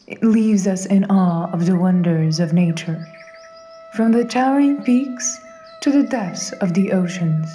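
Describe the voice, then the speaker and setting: A woman reading scripted nature documentary narration in a measured, reverent manner. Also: lowish voice, warm tone, soft background music, poor audio.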